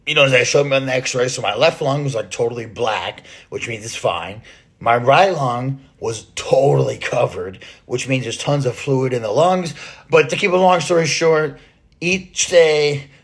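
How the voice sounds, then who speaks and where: Man, fitness vlogger, short of breath, halting and rambling, lots of fillers, casual update to followers. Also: mid-range voice. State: out of breath, recovering from illness. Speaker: fitness content creator.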